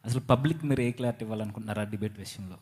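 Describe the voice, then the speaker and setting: Fast-talking polite male interviewer. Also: fairly low pitch, mellow, slightly rough. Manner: polite, deferential, rapid. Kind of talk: interview questions.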